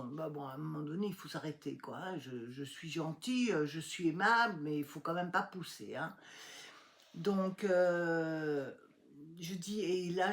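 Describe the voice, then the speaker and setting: Lively middle-aged woman telling a story. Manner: animated retelling, acting out dialogue with rising pitch. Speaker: vlogger. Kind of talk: casual storytelling vlog.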